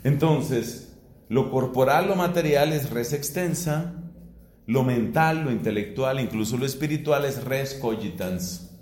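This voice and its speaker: A middle-aged man from Colombia, a priest, giving a philosophy lecture in a slow, deliberate way with rising emphasis. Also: medium pitch, darkish tone, slight background noise. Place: classroom or hall. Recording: echoey room.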